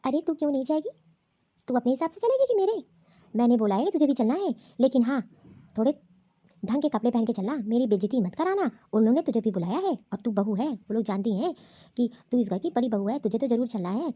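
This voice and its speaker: A woman voicing a scheming, scolding middle-aged mother-in-law in a cartoon, talking in a sharp, taunting, bossy way. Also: on the high side, lively intonation, fast, slightly rough, pitched below the performer's own voice. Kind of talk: cartoon voice acting.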